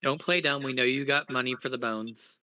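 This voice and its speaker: A man's voice: medium pitch, brisk, pushed and bright, dry recording, natural voice. A man playing a threatening adventurer in tabletop role-play, confrontational, recorded on a slightly dull mic. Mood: accusing. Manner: confrontational, pressing. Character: threatening adventurer interrogating a suspect.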